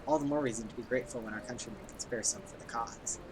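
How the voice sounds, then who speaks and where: A man's voice: medium pitch, quick pace, music in the background, close to an everyday voice. A man voicing a weary, earnest, plain-spoken male resistance fighter from a video game.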